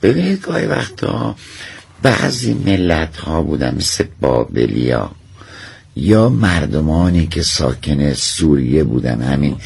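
A man's voice: rumbling low, big pitch swings, creaky, a little mellow, breathy edge. A man, addressed as doctor, explains word origins and folk tales in a hesitant, conversational way with many fillers. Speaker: expert guest.

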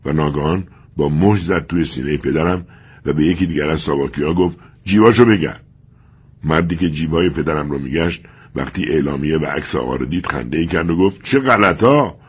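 A man reading a story aloud in steady, measured narration. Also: rumbling low, slightly rough.

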